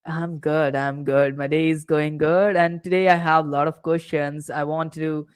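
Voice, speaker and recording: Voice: medium pitch, level tone, moderate pace, clear, resonant tone, no room sound. A podcast host opening an interview, eager and rambling, with many fillers and restarts.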